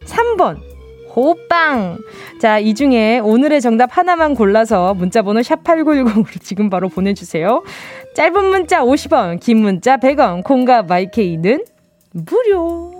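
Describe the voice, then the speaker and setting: A woman's voice: on the high side, sing-song, normal speed, a little mellow, faint music behind. A woman hosting a radio show, chatting playfully and teasing listeners as she reads their answers. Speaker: radio host. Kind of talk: casual radio chat.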